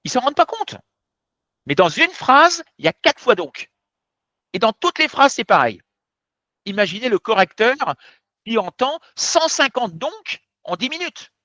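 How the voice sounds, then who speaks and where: A male French teacher giving an explanatory lesson, direct and emphatic as he talks straight to his viewers. His voice sits high and swings widely in pitch. The recording is dry and a bit dull. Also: big pitch swings, a little slow, bright, forceful tone, dry recording. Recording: dull, slightly muffled sound.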